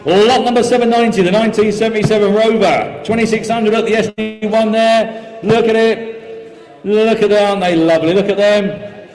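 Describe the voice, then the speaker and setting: A man's voice: high voice, steady tone, moderate pace, darkish tone. A man calling a live auction, chanting and repeating bids and figures as auctioneer. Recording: echoey hall sound with music behind.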